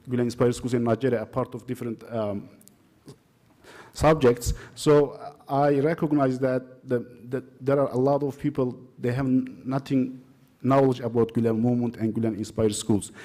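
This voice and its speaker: Mellow-voiced Kurdish-accented man presenting. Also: mid-range voice. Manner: halting, non-native English phrasing. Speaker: academic conference presenter. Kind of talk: informal conference presentation with personal anecdotes.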